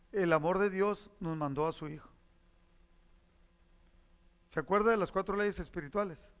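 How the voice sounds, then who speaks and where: Male pastor, high voice, teaching sermon with repeated phrases, long hall reverb. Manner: teaching, explains verses and repeats key phrases.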